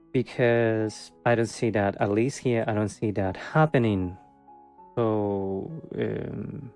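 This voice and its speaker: A man doing a laid-back tarot reading, talking slowly and haltingly with plenty of ums. His voice sits a little low, and he keeps a wry, sarcastic edge. Soft music plays faintly behind him. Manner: hesitant, many fillers, laughs often, wry and sarcastic. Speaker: tarot reader. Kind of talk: casual monthly tarot reading.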